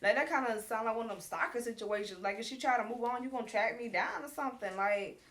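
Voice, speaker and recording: A woman with a somewhat high voice hosts a casual recap show. She tells the story in a lively way and acts out the quotes. She talks frankly and straight to her viewers. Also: quick pace. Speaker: show host recapping a reality series.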